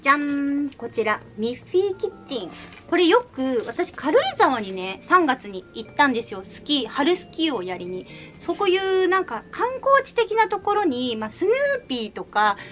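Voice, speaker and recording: A woman's voice: high voice, fairly bright tone. A woman chatting cheerfully in a casual haul video, showing off things she bought with playful little reveals. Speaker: vlogger showing recent purchases.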